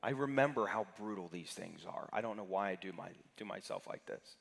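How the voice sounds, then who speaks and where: Man, pastor, low-pitched voice, conversational church teaching, questions the room, long sanctuary reverb. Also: expressive, fairly quick, gravelly, a bit bright. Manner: conversational, questions the congregation by name. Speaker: pastor teaching a Sunday class.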